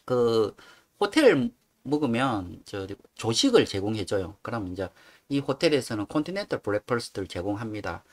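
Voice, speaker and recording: Gravelly-voiced man teaching vocabulary. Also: lowish voice, sing-song, a little slow. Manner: chatty, explains with filler words. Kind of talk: casual explanatory lecture.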